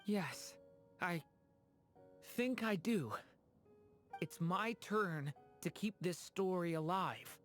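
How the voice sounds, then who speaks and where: An actor voicing an earnest, gentle young dragon boy in a video game, sincere and a little hesitant. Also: mid-range voice, expressive, slow, pauses often, soft background music. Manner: hesitant, sincere, soft-hearted delivery. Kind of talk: scripted video game voice acting.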